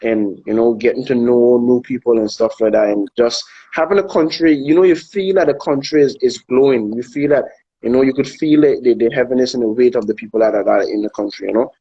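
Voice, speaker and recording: A man from Anguilla, a soca artist chatting casually in an interview, relaxed and hesitant, often repeating words while he thinks. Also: medium pitch, a little fast, slightly rough, dull audio. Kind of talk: casual interview over a live video call. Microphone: phone on a live video stream.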